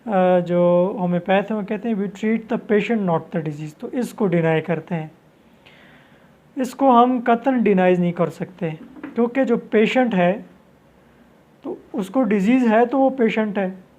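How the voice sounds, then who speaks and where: A man teaching homeopathy, explaining at length with restarts and slowing down to read passages aloud. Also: sits high, warm tone, highs cut off. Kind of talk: lecture.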